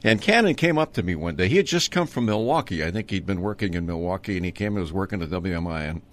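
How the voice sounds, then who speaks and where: A man's voice: sits low, lively intonation, fast talker. Older man, retired announcer reminiscing. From Minnesota. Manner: rambling, many ums and uhs, chuckling. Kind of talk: reminiscing interview talk.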